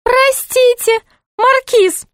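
A woman's voice: very high-pitched, very slow, a bit bright, dry recording, studio quality, voice pushed up, exaggerated voice. A woman voicing a sly, greedy male court jester with a sweet, wheedling manner.

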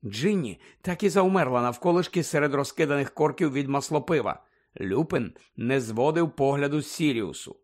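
A man narrating an audiobook in an even, steady reading voice. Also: medium pitch, normal speed. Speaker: audiobook reader.

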